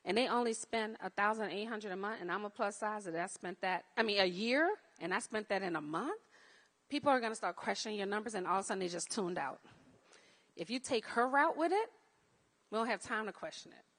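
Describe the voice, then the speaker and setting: A woman giving blunt, frank critique of a pitch, speaking plainly and candidly. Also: animated, a little fast, a bit bright.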